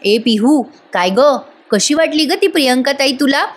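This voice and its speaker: A woman playing a gentle, coaxing young sister-in-law. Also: high voice, expressive, moderate pace.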